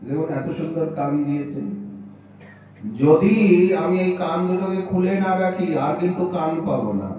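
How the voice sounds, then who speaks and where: A man's voice: a little high, warm tone, a little hiss or hum. A man giving a devotional sermon, breaking into chanted verse between his explanations. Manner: slow, chanting lines of verse. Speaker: Vaishnava preacher. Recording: distant mic, echoey hall, dull sound.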